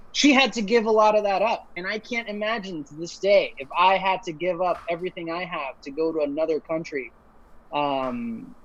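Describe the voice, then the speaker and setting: Earnest young man on a muffled call. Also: fairly high pitch. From Ecuador, raised in Puerto Rico. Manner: earnest, relaxed, with frequent fillers and restarts. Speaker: engineer, guest speaker. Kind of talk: casual webinar talk. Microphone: video call. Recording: muffled video-call audio.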